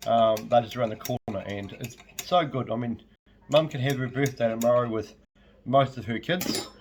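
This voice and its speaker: A man's voice: medium pitch, steady tone, normal speed, low-quality recording. A man, rambling chattily through a casual home vlog from his kitchen and swearing now and then. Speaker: vlogger. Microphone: handheld camera.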